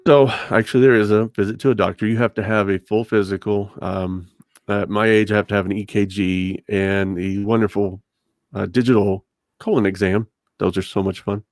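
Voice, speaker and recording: Speaking at a moderate pace in a steady, darkish, lowish voice, this middle-aged podcast guest tells casual stories in an interview. The sound is dry, captured close on a desktop condenser mic with a pop filter, indoors in a home room lined with a bookshelf.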